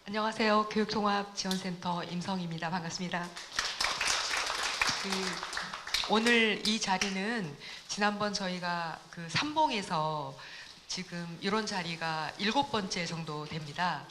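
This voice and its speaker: A woman's voice: fairly low pitch, a little slow, noisy background. A woman directing an education support center, giving a rambling opening address at a community forum with many fillers and restarts.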